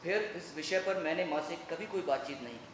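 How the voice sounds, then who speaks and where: A man giving a dramatic solo storytelling performance, moving between hushed narration and shouting. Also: a little high, fairly quick, far from the mic, slight background noise. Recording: echoey room with faint ambience.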